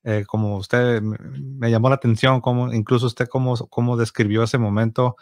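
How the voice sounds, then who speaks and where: A man in his thirties hosting an interview, hesitant and searching for words, on a studio boom mic at home. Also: flat delivery, moderate pace, no echo. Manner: hesitant, many fillers and restarts while searching for words. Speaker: interview host. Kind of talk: casual interview talk. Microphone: studio mic on boom, headphones.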